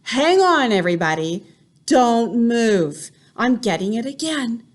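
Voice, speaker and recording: A woman voicing an alarmed female witch who cries out loudly and urgently in a high voice. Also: slow pace. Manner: loud, urgent, high and excited.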